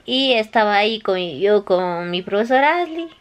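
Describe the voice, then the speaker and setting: A woman's voice: medium pitch, moderate pace, smooth. Chatty Peruvian woman telling a story. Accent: Peruvian Spanish. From Peru. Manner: chatty, animated, acts out quoted voices. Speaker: vlogger. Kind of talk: casual storytelling.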